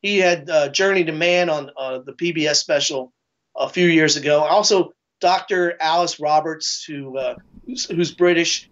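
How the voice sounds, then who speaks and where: Man, high voice, halting speech with fillers, dull lo-fi sound. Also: fairly bright tone. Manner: halting, many restarts and fillers. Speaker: guest. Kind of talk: casual discussion.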